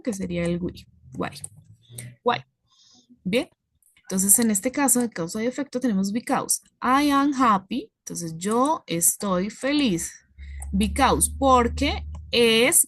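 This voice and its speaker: A woman leads an English lesson, explaining each phrase patiently and pausing to check that her students follow. Her voice sits at a middle pitch for a woman and is recorded close and dry, with no room sound. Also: dry recording. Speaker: English teacher. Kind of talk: classroom explanation.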